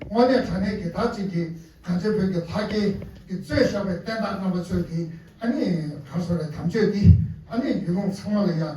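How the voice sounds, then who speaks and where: A man teaching a class with animated, emphatic delivery and sudden louder stresses. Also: high-pitched, slight background noise. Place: event hall. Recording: echoey hall, voice far from mic.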